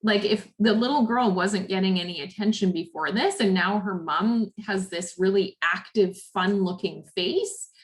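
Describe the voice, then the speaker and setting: Canadian woman, therapy director giving a recorded parent workshop, friendly explainer, average pitch. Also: normal speed, hardly any pauses. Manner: friendly, explanatory, with frequent "um" and "right?". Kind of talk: recorded lecture over slides.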